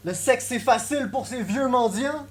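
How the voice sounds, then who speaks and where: A man's voice: extremely high pitch, normal speed, a loud crowd. A man with a Québécois French accent delivering taunting, punchline-driven rap battle verses. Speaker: battle rapper. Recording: noisy live event recording.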